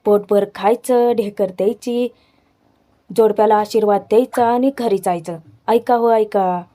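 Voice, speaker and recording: A woman's voice: mid-range voice, steady tone, measured pace, dark tone, lightly acted. A woman voicing an eccentric older man who announces a feast to the village in a sing-song, proclaiming manner.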